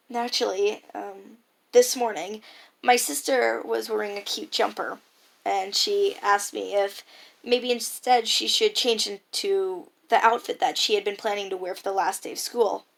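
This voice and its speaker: A high school freshman records a casual audio diary in a mid-range voice with vocal fry, at a measured pace. She muses reflectively and hesitantly, sometimes trailing off.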